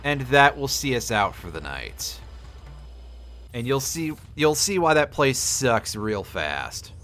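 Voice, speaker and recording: A man with a bright, forceful voice commentates casually on a video game over music. His delivery is animated and sardonic, like a streamer grumbling to viewers. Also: medium pitch, slow pace. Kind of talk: casual live gameplay commentary.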